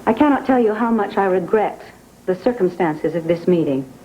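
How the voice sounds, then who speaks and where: A scheming, wealthy rival who picks her words with formal, deliberate care, in a lowish voice. It plays from a worn VHS tape copy, muffled and dull with a faint hiss underneath. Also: expressive. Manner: formal, measured, faintly haughty phrasing. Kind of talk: 1980s TV soap opera acting.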